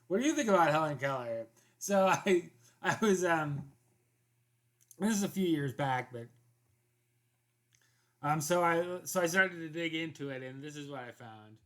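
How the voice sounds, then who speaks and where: A man's voice: a little high, measured pace, pauses often. A man hosting a commentary show, talking casually and rambling, with many restarts and fillers. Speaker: commentary host.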